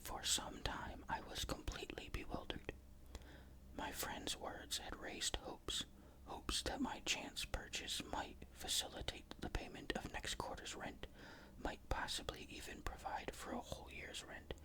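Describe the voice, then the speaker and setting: A narrator reading a ghost story in a breathy, unvoiced whisper, with measured, careful literary phrasing. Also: bright, forceful tone.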